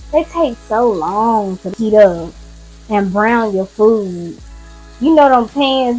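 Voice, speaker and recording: A tired woman, chatting casually and rambling to her viewers while cooking in her home kitchen, recorded by a nearby camera. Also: on the high side. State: tired, yawning. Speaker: cooking vlogger. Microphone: camera close by.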